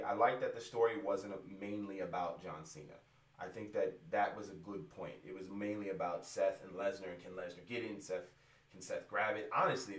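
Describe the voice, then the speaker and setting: Young guy cussing and ranting, lowish voice, echoey room, sits back from the mic. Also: fairly bright tone, recorded from a distance. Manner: profane, exasperated rant. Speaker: rapper venting about wrestling. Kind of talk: ranting casual vlog. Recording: roomy echo, away from the mic.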